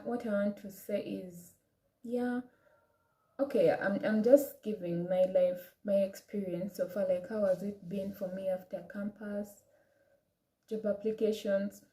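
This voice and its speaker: A woman's voice: mid-range voice, dark tone, echoey room, low-quality recording. A young woman with an African accent telling a personal story in a casual vlog, chatty, with many restarts and quoted asides. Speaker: vlogger.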